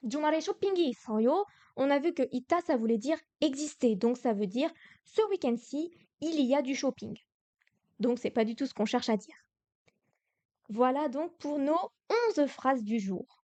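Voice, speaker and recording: A woman's voice: high-pitched, moderate pace, dark tone, no echo. A young woman teaching Korean to beginners on a livestream, explaining each answer patiently and step by step. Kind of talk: livestream lesson.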